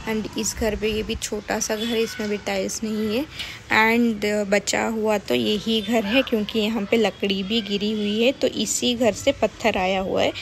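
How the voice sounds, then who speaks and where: A woman's voice: fairly high pitch, a little hiss or hum. A young woman, talking to her camera in a hesitant, upset way, many fillers and restarts. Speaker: vlogger. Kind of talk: casual vlog talk to camera.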